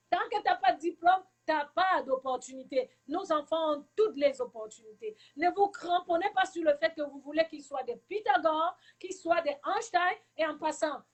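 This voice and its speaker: A woman from Cameroon, a teacher, giving earnest advice to parents in a live talk and repeating her key points for emphasis. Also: sits high.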